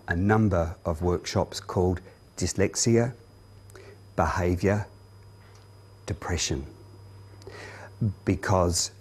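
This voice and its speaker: A middle-aged man presents a parenting workshop, his voice very low and husky. He explains earnestly and leans on his key points. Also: darkish tone. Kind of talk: workshop talk to an audience.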